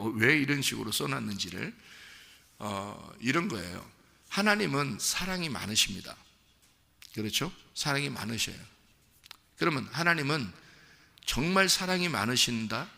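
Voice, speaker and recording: A male pastor preaching a sermon, playful and animated, putting questions to the congregation. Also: medium pitch, vocal fry. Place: church sanctuary. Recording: church hall reverb.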